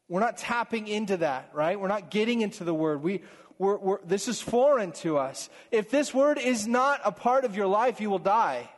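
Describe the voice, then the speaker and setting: A man preaching a sermon as pastor, earnest, swinging between fervent passages and hushed ones. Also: high-pitched, big-room sound.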